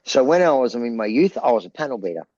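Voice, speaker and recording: A middle-aged Australian man, a rock band frontman being interviewed, telling rambling, animated anecdotes in a gravelly voice. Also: mid-range voice, fast talker, dry recording, muffled recording. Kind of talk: casual storytelling.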